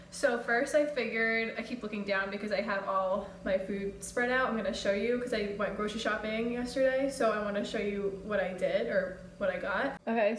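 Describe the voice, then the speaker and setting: A young woman vlogging in casual chat, her voice raspy from getting sick, talking with lots of fillers. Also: fairly high pitch. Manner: chatty, uses many fillers. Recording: roomy echo, faint background noise.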